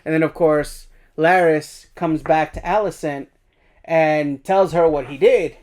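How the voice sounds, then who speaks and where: A man's voice: on the high side, steady tone, unhurried, a little mellow. A man co-hosting a casual review podcast, recapping the plot with energy and acting out the characters' lines. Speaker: podcast co-host.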